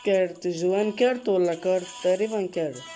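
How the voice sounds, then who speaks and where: A man with an Egyptian Arabic accent giving excitable let's-play commentary, repeating short exclamations and breaking into sudden high yelps. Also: fast talker, soft background music. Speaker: gaming channel host.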